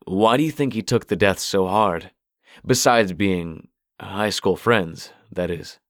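Man voicing an earnest man, probing questions, low voice, audiobook, dry. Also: takes it slowly, no room sound. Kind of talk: audiobook character voice. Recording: dry close recording.

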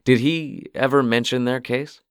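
A man's voice: mid-range voice, fairly even intonation, moderate pace, clean tone, dry recording, pitched above the performer's own voice, lightly acted. A man voicing an earnest adult man who keeps asking questions in an audiobook. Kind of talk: audiobook character voice. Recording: dry close recording.

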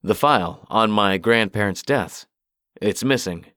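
A man's voice: on the low side, measured pace, a bit bright, no echo. A man voicing an earnest adult man who keeps asking questions in an audiobook. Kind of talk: audiobook character voice. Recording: dry close recording.

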